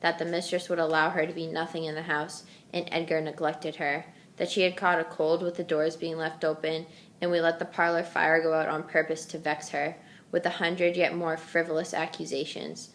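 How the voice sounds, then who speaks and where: A woman reading a novel passage aloud in a steady narrating manner. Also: low voice, moderate pace, a little hiss or hum.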